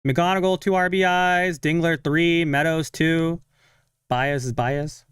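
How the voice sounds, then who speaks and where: A man's voice: a little high, steady tone, fairly bright tone, clear, resonant tone, no echo, studio quality. A young man chatting casually on a live stream while following a game, talking to himself and his viewers. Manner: chatty, self-talking, sighs of frustration and quick laughs.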